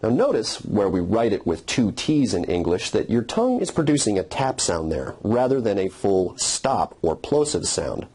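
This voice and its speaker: A man's voice: lowish voice, sing-song, moderate pace, few pauses, a little mellow, breathy edge. A man narrating a scripted phonetics lesson, explaining and demonstrating speech sounds in a methodical way. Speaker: phonetics instructor.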